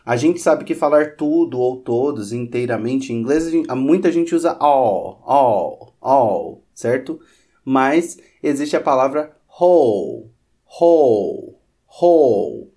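A Portuguese-speaking man teaches English pronunciation. He speaks at a middling pitch and takes his time, saying each example word two or three times so the listener can hear it clearly. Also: animated, unhurried, mellow. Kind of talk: language lesson.

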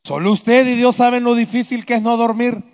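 Preacher guy, high voice, impassioned, swings loud then hushed, dull lo-fi recording. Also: fairly even intonation, brisk. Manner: impassioned, swings from loud emphatic lines to hushed low ones. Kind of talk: sermon. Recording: echoey hall, dull lo-fi sound.

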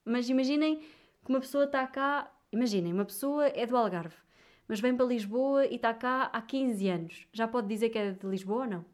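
A young woman from Viseu with a European Portuguese accent, ranting animatedly and casually to her viewers, full of little fillers. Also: on the high side. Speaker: vlogger. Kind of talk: casual chat.

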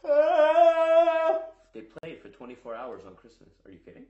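A man's voice: mid-range voice, animated, quick pace, highs cut off. A young man co-hosting a podcast, chatting playfully and teasing his co-host. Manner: playful and teasing, jumps between topics. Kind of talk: casual chat. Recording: echoey room.

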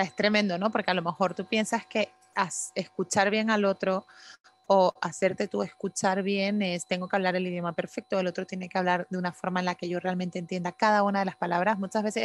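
A woman hosting a casual conversation, explaining her ideas at length in a reflective way. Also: fairly low pitch.

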